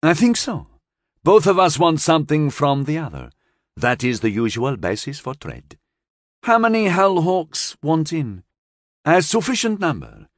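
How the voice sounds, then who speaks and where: A male narrator voicing a calm, formal and dryly ironic living starship. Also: a little high, a little slow, dry recording, clean studio sound, voice pushed up. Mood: cool.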